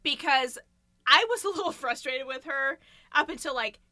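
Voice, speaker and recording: A woman's voice: high voice, lively intonation, normal speed, bright, forceful tone, dry recording. A woman co-hosting a casual book-chat podcast, talking in a chatty way and laughing often between her thoughts. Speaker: podcast co-host.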